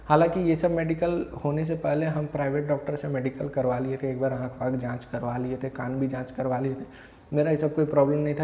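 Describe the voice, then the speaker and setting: A man's voice: a little high, warm tone. Young guy w a jharkhand-bihar rambling thru his story, fixing his own words, roomy echo. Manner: rambling, self-correcting, quotes others in short bursts. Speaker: vlogger. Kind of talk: casual first-person recounting. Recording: echoey room.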